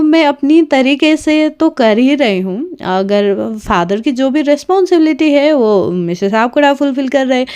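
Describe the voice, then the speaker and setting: A woman's voice: on the high side, a little mellow, clean tone. A woman in her thirties, a mother and vlogger, talking in a chatty, reflective way in a casual vlog, laughing now and then.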